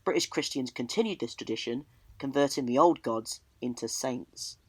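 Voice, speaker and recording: A storyteller and presenter with a medium-pitched voice speaks at a normal speed in his travel vlog, recorded on location in the countryside with slight background noise. He's theatrical, switching between narration and talk on location.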